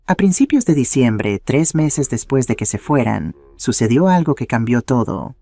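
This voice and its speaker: A man narrating a first-person family drama in a steady, dramatic storytelling manner. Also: medium pitch, normal speed.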